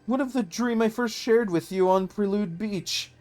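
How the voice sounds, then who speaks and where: A streamer voicing an excitable male professor and man of science, reading game dialogue aloud in character in a raised, fussy voice. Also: mid-range voice, normal speed, pitched above the performer's own voice, lightly acted. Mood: earnest. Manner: indignant and fussy.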